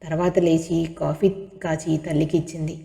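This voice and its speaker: Woman narrating a novel, mellow and low. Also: flat delivery, moderate pace, vocal fry. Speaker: audiobook narrator. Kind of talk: reading a novel aloud. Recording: long hall reverb.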